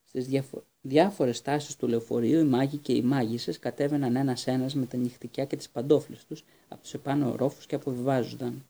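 A man narrating an audiobook in a steady reading manner, with occasional small restarts. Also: mid-range voice, vocal fry. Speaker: audiobook reader.

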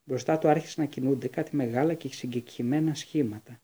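A man reading a fantasy novel aloud as an audiobook narrator, with steady storytelling. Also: medium pitch, slightly rough.

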